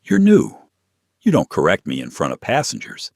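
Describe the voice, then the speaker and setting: A man voicing a smug male flight crew chief whose polished charm turns to quiet threat, in an audio story. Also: fairly low pitch, wildly swooping pitch, normal speed, creaky, no room sound, studio quality, heavily acted. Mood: threatening. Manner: falsely charming, hardening to threat.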